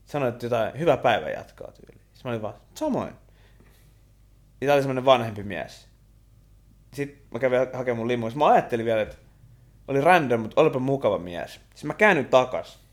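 A young man, co-hosting a podcast and telling stories in an animated, slangy casual chat. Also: medium pitch. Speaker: podcast co-host.

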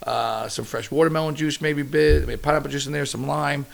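A middle-aged chef with a deeply gravelly, fry-laden voice. He talks in a loose, animated way, rambling through anecdotes with the odd curse word thrown in. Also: fairly quick. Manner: animated storyteller, casual and profane. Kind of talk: casual interview chat.

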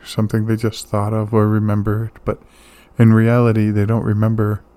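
A man gently delivering a calm bedtime relaxation monologue, soothing and unhurried, with pauses. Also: lowish voice, no room sound. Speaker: host of a sleep relaxation show.

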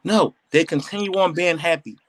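A man's voice: on the high side, normal speed. A man co-hosting a casual podcast, arguing emphatically and acting out quotes, with some profanity. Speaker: podcast co-host.

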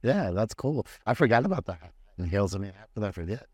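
A man hosting a podcast, chatting in a relaxed, agreeable way and reading quotes aloud. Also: fairly low pitch, quick pace, husky, no room sound. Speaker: podcast host. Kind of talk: casual podcast conversation.

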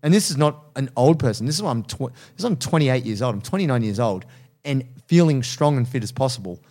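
A man's voice: mid-range voice, lively intonation, quick pace, dark tone. A man in his thirties, a strength coach and personal trainer, talking candidly and earnestly in casual podcast chat, laughing easily.

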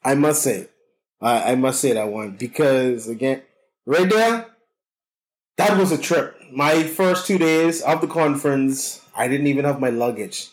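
With a mid-range voice and measured pace, a Bahamian man tells his story as a guest in a laid-back interview. He's a cannabis consultant, boisterous and talkative, who tends to repeat words.

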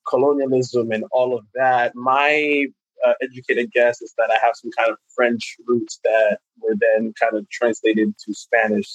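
A young man from New York, a guest actor giving long, thoughtful answers in a relaxed interview chat. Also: medium pitch, no echo, poor audio.

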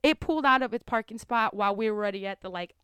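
A woman co-hosting a podcast, telling a story in casual chat, quick and animated with lots of "like"s. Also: fairly high pitch, clean tone, no room sound, studio quality. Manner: animated, fast storytelling with many "like"s and acted-out quotes. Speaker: podcast co-host.

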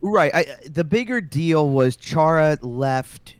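A man's voice: a little high, lively intonation, takes it slowly, no echo. A man co-hosting a casual sports podcast, often restarting and repeating words as he makes his point. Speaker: podcast co-host.

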